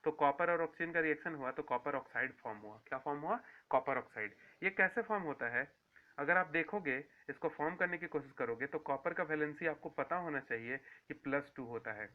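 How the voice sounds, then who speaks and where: A man's voice: a little high, brisk. A man giving a school science lecture, repeating key terms and asking then answering his own questions. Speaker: science teacher. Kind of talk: classroom lecture to students. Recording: tinny phone-like sound.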